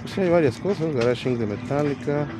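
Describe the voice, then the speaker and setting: Brisk and fairly high-pitched, a man in his thirties talks over music while vlogging a casual stroll through an outdoor swap meet. He chats and rambles, listing items as he goes, and the footage comes from an action camera held in hand or worn on the body.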